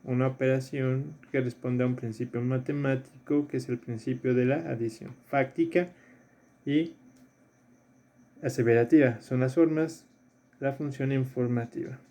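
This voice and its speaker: Un hombre, profesor de filosofía, da una clase a distancia y repasa ejercicios paso a paso. Repite los términos clave y pregunta "¿sí?" a menudo. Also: male voice, mid-range voice, fairly even intonation, normal speed, warm tone, slight background noise. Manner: explains step by step, repeats key terms, checks in with "¿sí?". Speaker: philosophy teacher. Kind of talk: recorded remote lesson reviewing exercises.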